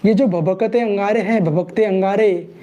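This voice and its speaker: Playful male teacher, high soft voice. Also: normal speed, highs cut off. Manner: playful call-and-response, repeats each key word with mnemonic stories. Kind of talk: live online exam-prep class.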